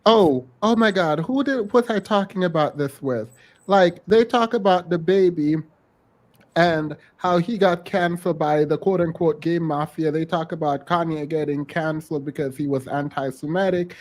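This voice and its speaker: A man co-hosting a podcast, reading viewer messages in casual chat, animated and laughing, dropping into low mutters. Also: normal speed, poor audio. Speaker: podcast co-host.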